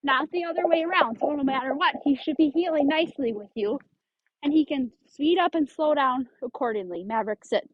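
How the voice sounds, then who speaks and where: A woman's voice: sits high, fairly quick, dry recording, highs cut off. A woman dog trainer explaining leash handling step by step, giving firm short commands to a dog. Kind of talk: instructional demonstration.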